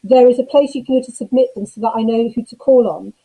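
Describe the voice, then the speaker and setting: A woman moderating an online panel, brisk and directive with the audience. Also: fairly high pitch, dark tone, husky, poor audio. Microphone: video call.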